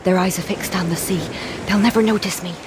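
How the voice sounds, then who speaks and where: A woman's voice: fairly low pitch, fairly even intonation, a little fast, noisy background, lightly acted. An actress playing a frightened but determined young woman, narrating her own escape in urgent tones. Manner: breathless, urgent inner narration. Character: frightened young woman fleeing wreckers, resolute. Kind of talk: radio drama acting.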